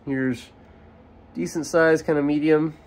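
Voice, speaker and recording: A man with a stuffy, nasal cold speaks in a voice that's a little high and a little slow. He's a carnivorous plant grower giving a relaxed, explanatory, casual hands-on gardening demonstration with fillers, outdoors in sunlight at a potting table, while an overhead camera keeps him off frame.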